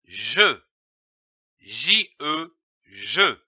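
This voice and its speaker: A man with a French accent teaching children to read, slowly spelling out letters and syllables in a deliberate lesson. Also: on the high side, very animated, sharp tone, breathy edge, no echo. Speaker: reading teacher. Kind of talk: slow, deliberate phonics lesson. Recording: dull, lo-fi.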